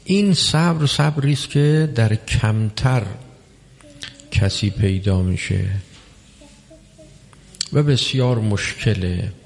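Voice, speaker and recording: A man preaching a religious sermon, measured and emphatic, with long pauses between phrases. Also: medium pitch, vocal fry, darkish tone. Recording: long hall reverb.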